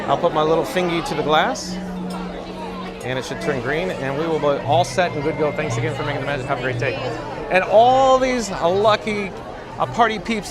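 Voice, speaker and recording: A man hosting a casual live vlog outdoors at a theme park, with chirpy, playful, folksy patter. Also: on the high side. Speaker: livestream vlog host. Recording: busy outdoor crowd with background music.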